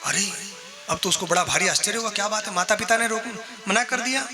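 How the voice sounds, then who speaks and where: A male religious storyteller delivers a devotional story sermon, narrating dramatically and slipping into the characters' voices. His voice sits high. Devotional music plays clearly underneath. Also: fairly quick.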